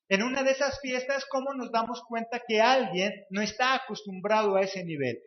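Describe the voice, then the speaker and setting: A man preaching a sermon, firing rhetorical questions at the congregation and repeating phrases for emphasis. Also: high-pitched. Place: church. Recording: echoey, dull lo-fi church recording.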